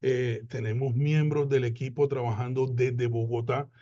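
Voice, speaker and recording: A man, presenting a webinar as an accountant, unhurried and full of hesitations and repeated words. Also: mid-range voice, steady tone, mellow, dull audio. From Puerto Rico. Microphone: video call.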